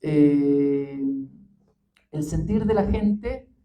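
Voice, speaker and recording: A history professor giving a public talk, unhurried and full of pauses and fillers. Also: male voice, fairly high pitch, expressive, warm tone, a little hiss or hum, poor audio. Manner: measured, many pauses and fillers.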